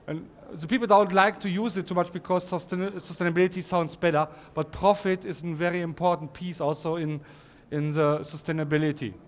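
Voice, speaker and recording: A middle-aged man with a German accent, a native German speaker, giving a technical presentation with many halting restarts and repeated words. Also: high-pitched. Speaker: conference presenter.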